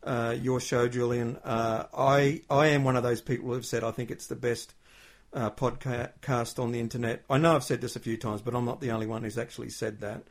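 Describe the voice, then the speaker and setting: A male podcast host in casual interview chat, talking chattily and warmly complimenting his guest, with plenty of ums and uhs. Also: mid-range voice, flat delivery, fairly quick. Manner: chatty and complimentary, with many fillers.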